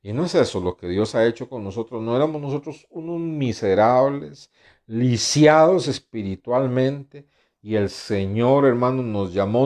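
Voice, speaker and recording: A male pastor delivering a sermon, his voice sitting at an ordinary middle pitch. He reads scripture passages aloud and stops to comment on them. He often tags his points with a questioning "right?" and calls his listeners brothers. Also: darkish tone.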